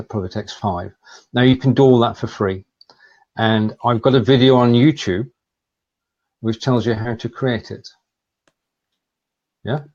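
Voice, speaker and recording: A slightly muffled, lo-fi video call carries a man with a Lancashire accent and a mid-pitched voice. He hosts in a casual, explanatory style, feeling his way through sentences with halting phrasing. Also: a little mellow. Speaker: live show host. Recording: slightly dull, lo-fi sound.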